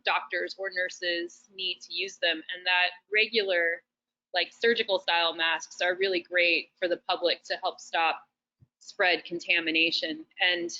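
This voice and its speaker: A woman's voice: fairly low pitch, sharp tone, dull audio. A woman chatting casually as host of an online session, full of fillers and restarts. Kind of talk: casual webinar chat. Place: shared roasting facility.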